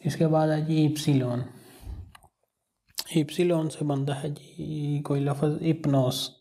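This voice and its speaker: A man's voice: on the high side, flat delivery, slow pace, mellow. A man with a Pakistani Urdu accent teaching an alphabet lesson step by step, patiently repeating each sound. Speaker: language teacher.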